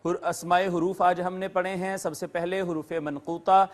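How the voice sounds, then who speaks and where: A man with a notably high-pitched voice gives a methodical lecture as a Quran teacher. He moves patiently from term to term, defining each and repeating it for his viewers. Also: level tone. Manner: addresses viewers politely. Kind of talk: lecture explaining Arabic letters and recitation rules.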